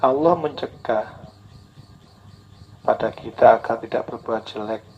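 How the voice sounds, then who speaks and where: A man's voice: medium pitch, measured pace, creaky. A man preaching a sermon, earnest and repetitive, acting out tearful prayers now and then. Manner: earnest, repeats key phrases, acts out tearful prayers. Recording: dull lo-fi recording with faint hiss.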